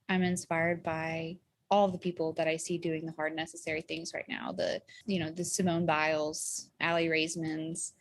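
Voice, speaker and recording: A woman's voice: lowish voice, no room sound. A woman in her thirties, a guest on a podcast, chatting casually and filling her talk with "like" and "you know.". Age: 30s. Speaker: podcast guest, communications director. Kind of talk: casual chat.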